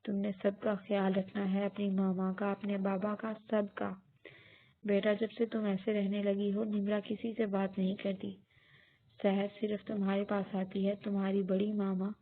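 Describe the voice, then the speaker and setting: A woman voicing a loving, devout middle-aged aunt who consoles her niece softly. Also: medium pitch, monotone, natural voice. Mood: consoling. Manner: soft, consoling. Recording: tinny phone-like audio.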